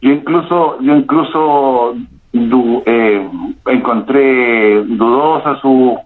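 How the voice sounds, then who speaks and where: Middle-aged Chilean man on a tinny phone line. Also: mid-range voice. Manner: halting, repeats himself, many restarts. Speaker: caller telling a paranormal experience. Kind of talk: first-person storytelling.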